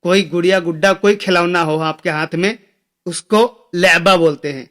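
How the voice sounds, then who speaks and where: A young Arabic teacher with a high, slightly bright voice explains Arabic phrases in a patient lesson. His intonation stays fairly even as he pronounces each phrase slowly and repeats it several times before giving its meaning.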